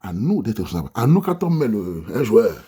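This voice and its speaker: A Cameroonian man with a Cameroonian French accent speaks in a fairly low, warm, husky voice, a little fast, with big swings in pitch. He's a vlogger ranting passionately to his diaspora audience, preaching and exhorting them directly.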